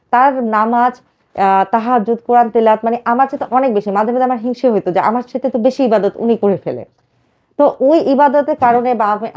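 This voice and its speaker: A woman in her thirties pours out her life story in a rapid, emotional rush, stumbling over fillers as she goes. Her voice sits a little high, and the recording sounds slightly muffled. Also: darkish tone. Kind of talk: personal life story told to a radio host.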